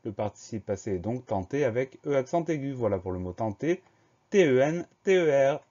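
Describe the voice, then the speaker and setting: A man teaching a French spelling lesson, slowly spelling each word letter by letter and explaining the grammar. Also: mid-range voice, lively intonation, warm tone, lo-fi sound. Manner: slow, methodical, spells words letter by letter.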